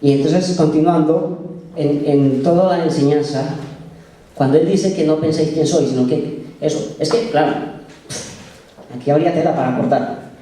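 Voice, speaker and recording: A man's voice: fairly high pitch, fairly even intonation, normal speed, long pauses, mellow. A man preaching a sermon in a conversational way, often asking the congregation questions. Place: church meeting room. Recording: echoey room, voice from far off.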